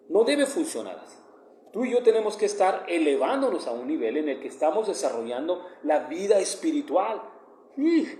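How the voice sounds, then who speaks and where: A man's voice: a little high, a little mellow, echoey room, a little hiss or hum. A man with a northern Mexican accent, giving a devotional meditation in a conversational, earnest way that often turns emphatic. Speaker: preacher.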